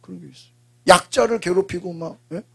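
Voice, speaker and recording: Raspy gravelly Korean pastor preaching. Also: male voice, high voice, brisk. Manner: call-and-response preaching, frequent prompting asides. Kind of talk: sermon.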